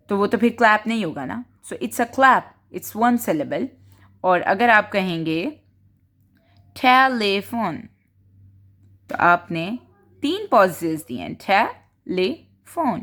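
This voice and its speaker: Slow-speaking woman explaining spelling rules. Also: mid-range voice. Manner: slow, explanatory, mixes English words into Hindi. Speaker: home-schooling teacher. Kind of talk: spelling lesson for parents.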